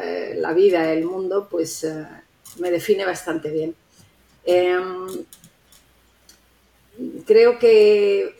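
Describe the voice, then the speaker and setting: Slow, thoughtful woman in an echoey room. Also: medium pitch, vocal fry, darkish tone. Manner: unhurried, thoughtful, with many pauses and fillers. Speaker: podcast guest. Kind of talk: reflective interview talk.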